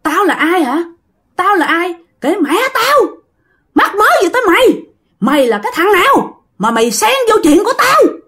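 A woman's voice: extremely high pitch, big pitch swings, normal speed, pushed and bright, pitched above the performer's own voice, exaggerated voice. Woman doing a shrieking female ghost. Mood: furious. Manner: shrieking, cursing, sobbing. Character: furious wailing female ghost possessing a man.

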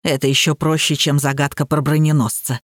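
Woman reading as a gruff bossy old lady. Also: deep voice, level tone, fairly quick, dry recording, studio quality, pitched below the performer's own voice. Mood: teasing. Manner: commanding and teasing. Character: stern, sardonic old woman pensioner, dog owner.

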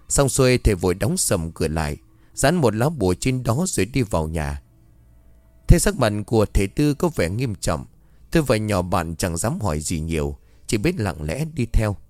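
A man reading a first-person horror story aloud in a slow, suspenseful narrating manner. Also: lowish voice, sing-song, a little mellow, dry recording.

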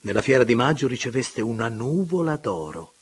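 A playful aristocratic gentleman, as a male reader plays him, gossiping with a lively, rising and falling line. His voice is husky. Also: mid-range voice, moderate pace.

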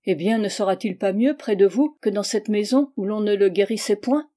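A woman reading the part of a calm, scheming young man who speaks low and quietly insists. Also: normal speed, close to an everyday voice. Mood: cool.

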